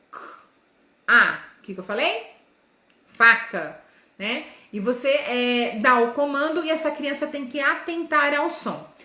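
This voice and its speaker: A woman gives a lesson to teachers in a bright, forceful voice pitched a little high. She keeps checking in with her listeners and slows down to sound out letters and syllables. The recording has a roomy echo. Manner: didactic, with frequent "né?" and "tá?" check-ins. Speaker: educator.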